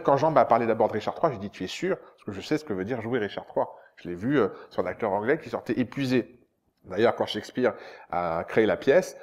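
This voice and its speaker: A man, a stage director and translator, giving a public lecture in a lively, expressive way. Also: fairly low pitch. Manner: animated, expressive speaker who sometimes sounds out rhythms. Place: lecture hall.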